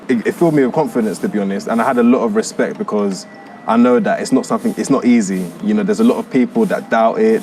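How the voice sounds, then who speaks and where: Man, low voice, earnest interview answers, picked up from a distance, faint background noise. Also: a little mellow. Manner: earnest, measured, frequent fillers. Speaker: interview guest.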